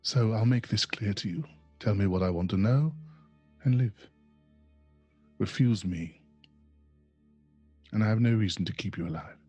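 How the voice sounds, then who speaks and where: A man's voice: fairly low pitch, normal speed, pauses often, dark tone, husky, faint music behind. A man voicing a cold, menacing female cult leader in a tabletop game, silky and threatening.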